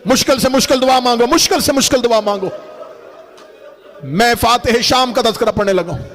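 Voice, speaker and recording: A man preaching a lament from the pulpit in Urdu with a Pakistani accent, wailing and chanting, his voice rising to strained shouts. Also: extremely high pitch. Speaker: Shia preacher reciting a lament. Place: gathering hall from the pulpit.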